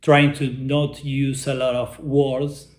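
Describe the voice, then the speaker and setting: In an echoey room, a middle-aged man from Argentina gives a casual interview as an artist guest, speaking English as a second language with an Argentine Spanish accent. His mid-range voice is flat in delivery, and he halts, searches for English words and restarts many times.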